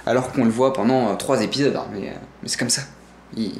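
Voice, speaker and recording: A fast-talking young man with a French accent and a medium-pitched voice walks viewers around his gaming room, a streamer showing his setup amid a little hiss or hum. The tour is casual and rambling, packed with hesitations and self-corrections, and he jokes playfully and enthusiastically about his collectibles.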